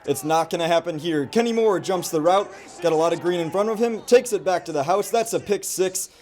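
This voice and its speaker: A young American man in his twenties, a student sports reporter and play-by-play announcer, handles highlight reads and game commentary. His voice is high-pitched with a darkish tone, and he talks a little fast over slight background noise.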